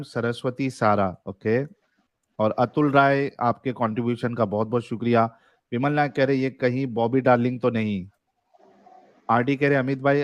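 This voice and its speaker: A man's voice: mid-range voice, no echo, muffled recording. Dry-voiced man hosting a jokey livestream. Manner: jokey, laughs often while reading comments. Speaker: livestream debate host. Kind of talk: casual livestream chat, reading viewer messages.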